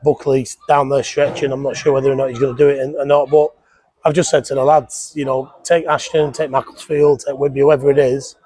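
Fast-talking husky football manager. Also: male voice, medium pitch. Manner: animated, repeats words when fired up. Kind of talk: post-match interview. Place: stadium press box. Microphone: headset mic.

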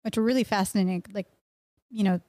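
A middle-aged bakery owner and pastry chef, originally from Mexico and now in Miami, chats as a podcast guest at a quick pace in a mellow, medium-pitched voice. The recording is dry, made close on a boom-arm studio mic with headphones in a small indoor podcast room.

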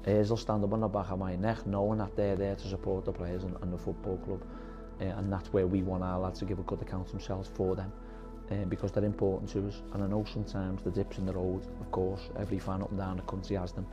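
Low, flat-voiced football manager over music. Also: male voice. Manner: earnest, halting, with many fillers. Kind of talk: pre-match interview.

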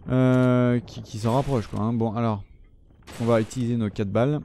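A man's voice: mid-range voice, steady tone, normal speed, dark tone, a little hiss or hum. A man giving casual gameplay commentary, chatting loosely, swearing often and talking to the enemies on screen. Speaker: gaming channel host.

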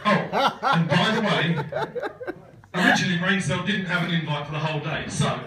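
A man in his thirties gives a teasing best man speech with dry, joking delivery in a large wooden barn wedding hall. His voice sits high at normal speed, picked up by a phone camera far back in the crowd, so the hall sounds echoey and distant amid laughter.

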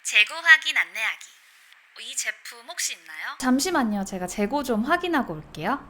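Lively, higher-pitched woman teaching English phrases. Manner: models English phrases slowly and clearly, explains in Korean. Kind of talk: language lesson.

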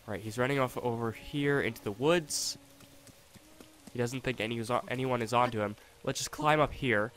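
A young man giving casual gameplay commentary, chatty and thinking aloud, with excitable reactions. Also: mid-range voice, normal speed, slight background noise. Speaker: let's play host. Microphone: desktop USB condenser mic.

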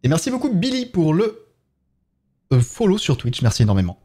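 Lively French-accented male streamer. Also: on the high side, a little fast. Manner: chatty, thanks viewers one by one while playing. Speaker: game streamer. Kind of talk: casual live-stream chat.

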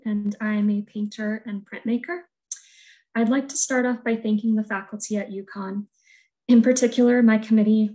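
An art student whose first language is Polish reads a scripted talk about her thesis work, soft, measured and reflective, speaking over earbuds on a video call from a room at home. Her voice is mid-range, and the recording quality is low.

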